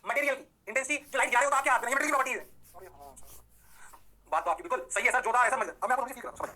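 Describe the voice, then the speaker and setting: A man teaching physics in a classroom lecture, constantly checking whether his students follow and slowing down to dictate definitions in English. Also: extremely high pitch, bright, forceful tone. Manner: rhyming rapid-fire praise words.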